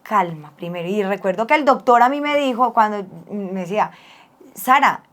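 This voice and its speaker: A woman's voice: medium pitch, lively intonation, a little fast, fairly bright tone. A woman, a psychologist co-hosting with her husband, chatting casually and telling personal family stories with affectionate asides to him. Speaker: psychologist and co-host. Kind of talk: casual advice talk with spouse.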